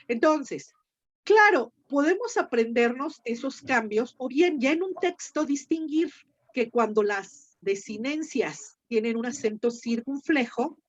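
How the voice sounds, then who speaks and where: A woman teacher with a Mexican Spanish accent lectures at an unhurried, deliberate pace, her voice sitting a little high. She patiently repeats each form, as if dictating to a class. The recording sounds dull and lo-fi. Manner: patient, spells out forms slowly and repeats them. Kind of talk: lecture on ancient Greek verbs.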